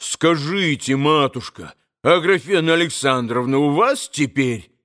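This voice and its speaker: A man doing a desperate, shouting young man. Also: a little high, measured pace. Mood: urgent. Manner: shouting accusations, urgent questions. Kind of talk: audiobook character reading.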